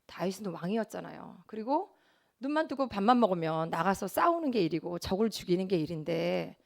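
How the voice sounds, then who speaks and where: Gravelly-voiced woman giving an earnest testimony. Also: medium pitch, big pitch swings, fairly quick. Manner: earnest, confessional storytelling. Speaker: lay preacher giving a testimony. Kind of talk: sermon testimony. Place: church.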